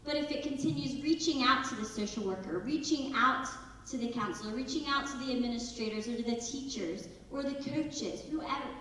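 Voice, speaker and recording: A woman's voice: high-pitched, brisk, few pauses, a bit bright. A woman in her thirties giving an earnest, conversational talk to parents at a school, sometimes acting out family conversations. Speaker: school presenter. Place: school auditorium. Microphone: far from the recording device. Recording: echoey hall, distant mic.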